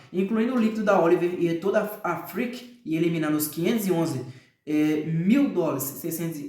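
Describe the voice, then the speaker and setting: Male reader with a Brazilian accent and a high-set voice. Casual, hesitant delivery of long figures, with crude asides. Echoey room sound. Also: a little mellow. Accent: Brazilian Portuguese. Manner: reads long figures aloud with frequent hesitations and offhand, profane asides. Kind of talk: casual reading aloud of a nonfiction book.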